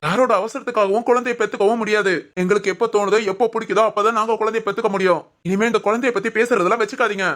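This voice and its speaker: A woman voicing a young husband who firmly defends his wife in an animated family drama. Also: mid-range voice, racing, hardly any pauses, a little hiss or hum, close to an everyday voice. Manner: firm, pleading.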